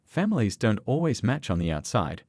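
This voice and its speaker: A man voicing a caring adoptive mother in a gentle, reassuring way in a storybook narration. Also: mid-range voice, very animated, normal speed, husky, dry recording. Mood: tender.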